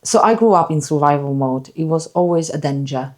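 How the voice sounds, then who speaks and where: A woman with a low voice speaks as a podcast guest. She tells her personal story earnestly, stopping and restarting and repeating words as she goes. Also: lively intonation, fairly quick, darkish tone. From Poland.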